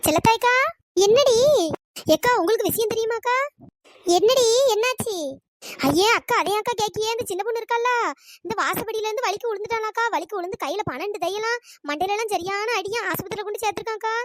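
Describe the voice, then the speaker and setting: Chipmunk-high gossiping women. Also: dry recording. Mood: gossipy. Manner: excited, gossipy, rapid chatter. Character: chattering gossiping village women neighbours. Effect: sped-up high-pitched cartoon voice.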